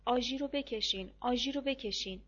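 A woman voicing a drunk, brawny male officer who keeps shouting frantic orders. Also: fairly high pitch, highs cut off, close to an everyday voice.

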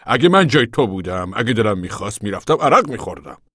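A man voicing a gruff middle-aged farmer father who talks bluntly and loudly. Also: lowish voice, big pitch swings, no room sound, studio quality.

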